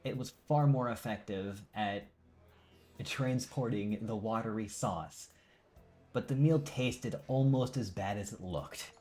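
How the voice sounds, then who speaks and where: A man's voice: on the low side, measured pace, darkish tone. A man streaming himself reading a visual novel aloud, often tripping over words and correcting himself, drowsy and yawning. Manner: stumbles and self-corrects, drowsy.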